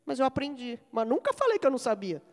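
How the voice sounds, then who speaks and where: A woman's voice: high-pitched, very animated, quick pace. Brazilian woman pastor preaching in a reverberant hall. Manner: humorous storytelling, rising to emphatic preaching. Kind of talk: sermon. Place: large church hall. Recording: long reverb of a church hall.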